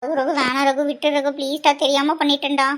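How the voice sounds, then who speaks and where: Woman voicing a high teasing cartoon girl. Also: level tone, a little fast, a bit bright. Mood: in pain. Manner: teasing, coaxing, whiny when scolded. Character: playful teasing young woman, sharp-tongued. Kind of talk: cartoon voice acting.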